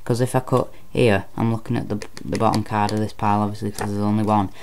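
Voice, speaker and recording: A man's voice: on the low side, flat delivery, quick pace, a little mellow, slight background noise. A man giving informal card magician patter, explaining step by step and repeating phrases as he goes. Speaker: card trick presenter.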